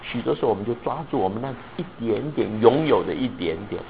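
Animated male preacher, lively pitch swings. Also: quick pace, gravelly, phone-quality sound, slight background noise. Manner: animated, often checks if listeners understand; mixes English words into his speech. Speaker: pastor. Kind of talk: sermon with storytelling.

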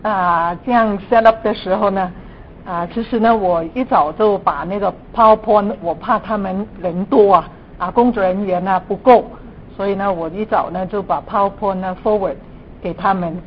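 A woman from Guangdong speaks Mandarin with a clear Cantonese accent, as a native Cantonese speaker teaching at church. Her voice sits at a middle pitch. The recording is dull and lo-fi, with some noise and rumble behind her. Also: moderate pace. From Guangdong, China. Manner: frequent sentence particles, mixes in English terms.

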